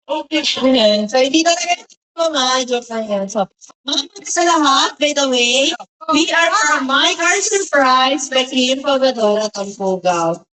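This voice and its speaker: A woman's voice: high voice, a bit bright, rough recording. A woman hosting a surprise gift delivery who talks very politely, putting "ma'am" at the end of nearly every phrase.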